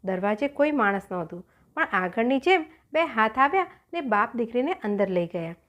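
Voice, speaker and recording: A woman narrating a children's folk tale in an expressive, storytelling manner. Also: on the high side, normal speed. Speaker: audiobook narrator.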